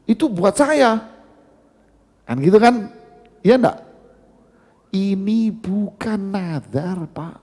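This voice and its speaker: Lively, gravelly preacher man in a mosque hall. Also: high voice. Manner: conversational, addresses audience as "Pak", asks and answers questions. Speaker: Islamic preacher. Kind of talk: mosque study-circle lecture.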